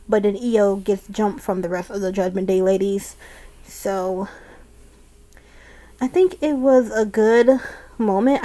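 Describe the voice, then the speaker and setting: A woman's voice: mid-range voice, dark tone. A woman casually recapping a wrestling show, chatty and often laughing as she retells it.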